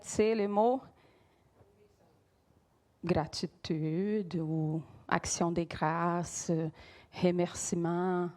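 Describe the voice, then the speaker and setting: Prédicatrice brésilienne au ton engageant, voix de hauteur moyenne, sermon interactif. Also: female voice, mid-range voice, a little mellow. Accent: Brazilian. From Brazil. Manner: engaging, quizzes the congregation, repeats key words. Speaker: preacher.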